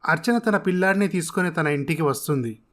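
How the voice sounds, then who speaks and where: A man with a slightly high voice tells a family tale in a steady, even manner. He narrates scene after scene as a storyteller. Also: a little fast.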